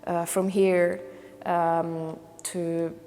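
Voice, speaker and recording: Speaking very slowly in a low, level and warm voice, a woman from Hungary explains her project in a testimonial interview. She works as a volunteer trainer and career counselor. A long reverb trails her words, and she's reflective, hesitating, using many fillers and starting over often.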